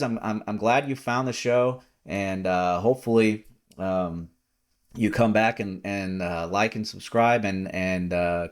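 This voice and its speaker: A man hosting a podcast in casual chat, rambling with many fillers, false starts and repeated words. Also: on the low side. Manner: relaxed and talkative. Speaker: podcast host.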